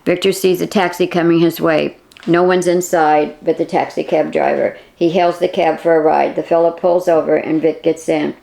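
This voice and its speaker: A woman narrating a mystery novel in a measured, plain reading. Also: low voice, little pitch movement, gravelly, dark tone. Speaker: audiobook narrator. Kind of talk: audiobook narration.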